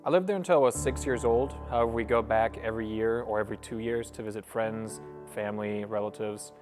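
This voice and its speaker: A man's voice: fairly low pitch, steady tone, brisk, music in the background. A young man from Germany speaking casually in a documentary interview. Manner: casual, conversational.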